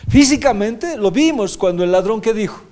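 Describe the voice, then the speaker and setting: A man's voice: sits high, lively intonation, normal speed, a little mellow. A man preaching a sermon as pastor, reading scripture aloud and often asking the congregation rhetorical questions. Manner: reads scripture verses aloud.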